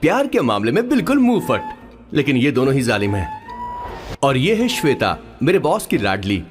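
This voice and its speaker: A chatty young sidekick narrator. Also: male voice, mid-range voice. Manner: jokey, chatty. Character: chatty young male assistant. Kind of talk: dubbed film narration. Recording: film soundtrack with faint music.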